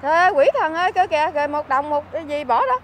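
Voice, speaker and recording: A woman with a Southern Vietnamese accent, a vlogger chatting on the street who fusses, scolds and keeps exclaiming out loud. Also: high-pitched, racing, slight background noise. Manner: scolding and fussing, exclaims often. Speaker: vlogger helping homeless people. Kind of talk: casual on-street chat. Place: outdoors by a street.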